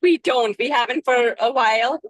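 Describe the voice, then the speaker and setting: A woman's voice: fairly high pitch, moderate pace, dry recording. Woman calling in while driving. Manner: hesitant, many filler sounds, apologetic. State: talking while driving a car. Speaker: parent of a gifted child. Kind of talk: asking questions on a group video call. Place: inside a moving car.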